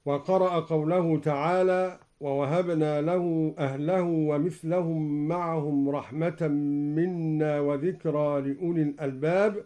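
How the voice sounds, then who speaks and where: A man's voice: on the high side, fairly even intonation, measured pace, hardly any pauses, dark tone. A man explaining variant readings on the radio, chanting each example verse after his explanation. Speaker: Quran recitation teacher.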